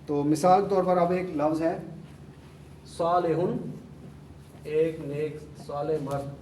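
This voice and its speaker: A man's voice: fairly high pitch, fairly even intonation, a little mellow. A man teaching Arabic grammar to a class, repeating word forms and putting questions to his students. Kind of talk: classroom lesson. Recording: echoey room, mic far off, faint hum.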